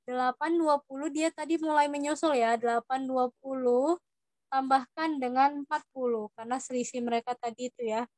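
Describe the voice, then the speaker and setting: Young female tutor with an Indonesian accent, fairly high voice, patient, dry close sound. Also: fairly even intonation, moderate pace, a little mellow, dry recording. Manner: patient, addresses students as "Dik". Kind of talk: math lesson explaining test questions.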